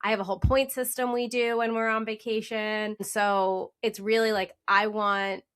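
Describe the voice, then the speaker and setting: A woman's voice: mid-range voice, little pitch movement, normal speed, a bit bright, clear, resonant tone. A woman hosting a podcast, talking eagerly in casual chat and often restarting her sentences.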